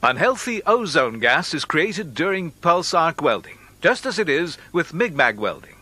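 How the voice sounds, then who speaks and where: A man narrating an industrial training film in a measured, instructive way, as a studio voice-over. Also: fairly high pitch, sing-song, sharp tone, slightly rough, no room sound. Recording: faint music behind narration.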